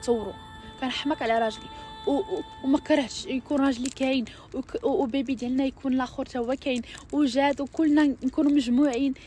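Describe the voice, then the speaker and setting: Distressed, high-pitched Moroccan woman venting. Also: steady tone, fast talker, dark tone, slight background noise. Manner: upset and exasperated, repeating phrases and stumbling over words. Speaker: social media vlogger. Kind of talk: emotional venting to followers.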